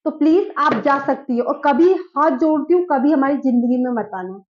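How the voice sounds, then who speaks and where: A woman's voice: sits high, expressive, normal speed. A woman doing a cold, curt grown daughter. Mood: resentful. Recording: dull lo-fi recording.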